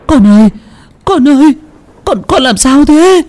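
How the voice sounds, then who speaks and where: A man voicing a frightened old mother who cries out in shrill, panicked pleading. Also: lively intonation, unhurried, darkish tone. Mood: panicked wailing.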